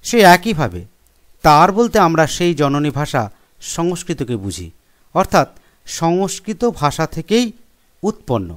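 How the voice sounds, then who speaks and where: A man's voice: high voice, fairly bright tone. A man teaching a school grammar lesson, explaining step by step and listing examples one by one. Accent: Bengali. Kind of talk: classroom lesson.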